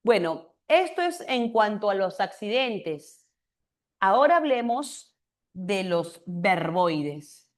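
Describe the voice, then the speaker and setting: A woman teacher giving a grammar lesson, acting out little dialogues and slowing down to stress example words. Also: mid-range voice, very animated. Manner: acts out imagined student dialogues with quoted examples; checks understanding with tag questions. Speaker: language teacher.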